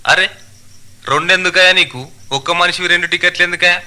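A man voicing an impatient bus conductor who barks loudly. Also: sits high, steady tone, brisk, voice pushed up. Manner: loud, barking, impatient.

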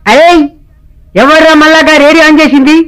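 A man's voice: extremely high pitch, flat delivery, fairly quick, a bit bright. A man playing a busy, bossy bus conductor who calls out for tickets brusquely.

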